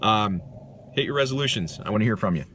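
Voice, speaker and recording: Man vlogger, lowish voice, earnest self-help talk, faint noise behind. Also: animated, fast talker, a bit bright. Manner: earnest, reflective, rambling with restarts. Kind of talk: casual self-help monologue to camera.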